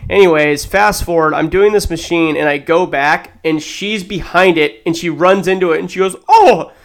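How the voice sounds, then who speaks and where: Podcast co-host, man in his thirties, slightly high voice, foul-mouthed ranter in casual chat. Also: fairly even intonation, moderate pace, a bit bright. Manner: profane, ranting storyteller.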